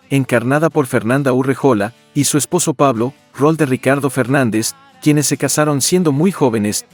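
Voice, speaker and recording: A man's voice: medium pitch, a little mellow. A man reading scripted, documentary-style narration in a formal, expository manner. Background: background music.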